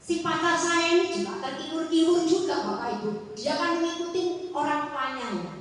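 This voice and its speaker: An older woman preaching a sermon with personal testimony at a prayer meeting, often calling to her listeners and swinging between loud and hushed passages. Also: very high voice, moderate pace. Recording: echoey hall from far off.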